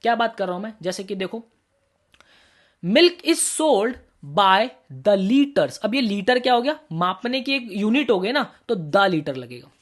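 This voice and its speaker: A man's voice: sits high, expressive, brisk, few pauses. A man teaching an exam-prep class online, mixing in English terms and often asking students whether they follow, calling them brother and kids.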